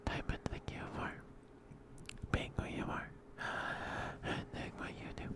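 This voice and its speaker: A man streamer whispering slow, repetitive soothing praise to a viewer in an ASMR style, close to the microphone. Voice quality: whispered, breathy.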